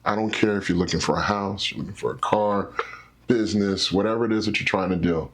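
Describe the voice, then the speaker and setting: Low husky man explaining credit. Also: fast talker. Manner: animated, teacherly, acts out scenarios. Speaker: credit specialist guest. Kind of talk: explaining with stories in an interview.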